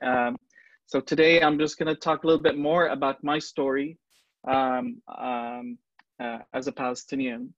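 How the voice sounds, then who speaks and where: Man, 30s, from Lebanon, halting delivery full of ums, dull dry video-call sound. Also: mid-range voice, no echo. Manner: hesitant, many ums and restarts. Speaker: museum docent and guest speaker. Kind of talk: personal talk on a virtual tour. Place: small room at home, indoors. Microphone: video call, earbuds.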